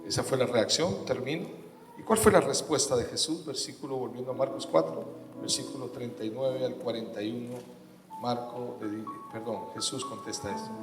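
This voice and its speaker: Pastor preaching in an echoey hall. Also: male voice, medium pitch. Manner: animated preaching, swinging from loud bursts to hushed asides. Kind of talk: sermon. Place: church hall. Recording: echoey church hall with faint music.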